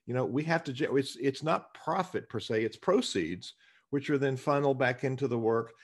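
A man's voice: mid-range voice, moderate pace. A man in an earnest conversation, explaining emphatically and often repeating words as he starts his phrases.

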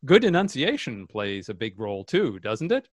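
A man's voice: mid-range voice, big pitch swings, moderate pace, no echo, clean studio sound. A man playing a vain, self-absorbed male radio host in a comedic radio sketch, with pompous, overly precise diction. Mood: self-satisfied.

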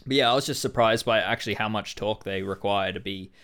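A man's voice: on the low side, fast, fairly bright tone, clear, resonant tone. A man co-hosting a podcast, chatting casually and thoughtfully, with lots of "um" fillers. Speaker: podcast co-host.

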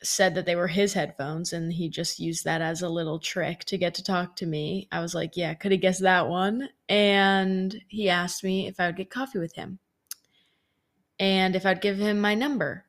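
Chatty young woman, lower voice. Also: fairly even intonation, normal speed. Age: 20s. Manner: chatty, frequent "like" fillers. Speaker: podcast host. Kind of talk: casual storytelling monologue.

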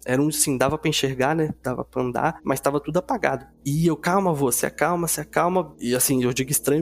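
Fast-talking young man telling a story. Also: mid-range voice, a little mellow. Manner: quick, loose talk with many fillers. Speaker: podcast guest. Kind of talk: casual storytelling.

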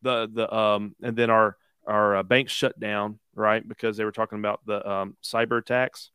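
A man co-hosting a casual podcast, rambling through ideas and cracking profane jokes. His voice sits lowish but sounds bright and smooth. The sound is dry, with no room around it. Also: flat delivery, normal speed, dry recording. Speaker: podcast co-host. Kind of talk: casual chat.

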